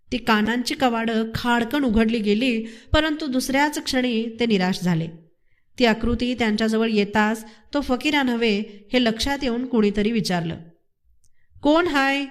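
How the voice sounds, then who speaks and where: A woman narrating a novel aloud in an expressive, dramatic storytelling style. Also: a little high.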